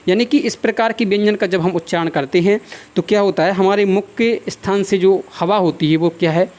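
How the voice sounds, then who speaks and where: A man with a high voice teaches a class in a lecture style. He keeps asking questions and answering them himself. He repeats key terms and dictates notes at a slow, even pace.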